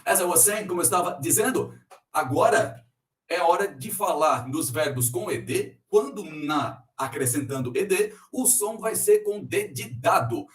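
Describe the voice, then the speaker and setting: A man teaching an English pronunciation lesson, explaining rules slowly and repeating each example word. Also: a little high, expressive, roomy sound, recorded from a distance. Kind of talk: recorded online lesson.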